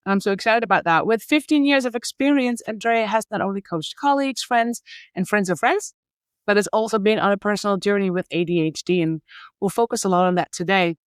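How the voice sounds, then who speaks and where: A woman's voice: mid-range voice, a little fast, clean tone, dry recording, studio quality. A woman hosting a podcast interview, reading a prepared introduction and then chatting with small hesitations and restarts. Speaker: podcast host.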